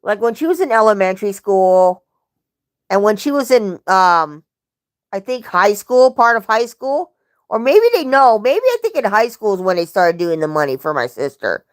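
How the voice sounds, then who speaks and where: A woman's voice: mid-range voice, big pitch swings, normal speed. A young woman chatting on a livestream, telling rambling family stories and often correcting herself. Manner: rambling, self-correcting storyteller. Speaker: livestream host. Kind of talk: casual livestream chat.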